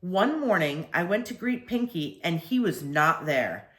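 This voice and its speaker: A grandmother with a low voice reads a children's story aloud, her intonation very animated. She phrases things deliberately and stretches out the key words for emphasis. The room sounds spacious and echoey.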